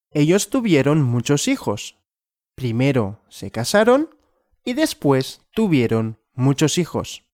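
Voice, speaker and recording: A male language teacher telling a simple story, asking and answering his own questions slowly and clearly. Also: mid-range voice, a little mellow, no room sound, studio quality.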